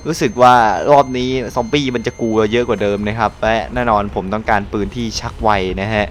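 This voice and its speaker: A young man from Thailand giving casual live commentary over his gameplay, excitable and loose, swearing and exclaiming at the action. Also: fairly low pitch, brisk, a little hiss or hum. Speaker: gaming channel host.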